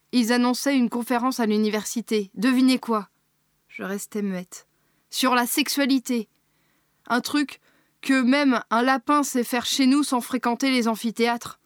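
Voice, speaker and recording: A woman's voice: on the high side, no room sound, clean studio sound, lightly acted. A woman voicing an eccentric, theatrical foreign woman who drags out grandiose, scornful laments. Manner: grandiose, drawn-out sighing lament.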